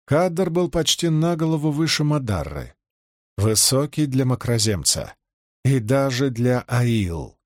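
Мужчина читает фантастический роман вслух, как рассказчик аудиокниги. Интонация у него живая и подвижная, голос заметно гуляет по высоте. Запись сухая, без эха в комнате. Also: male voice, medium pitch, unhurried, dry recording, clean studio sound. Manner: expressive storytelling reading. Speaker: audiobook narrator. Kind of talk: scripted fantasy narration.

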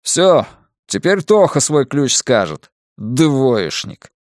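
A man's voice: mid-range voice, sing-song, slow, dry recording, studio quality. A man doing a stern, icy hacker man. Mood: scolding. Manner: icy and clipped, flares into scolding.

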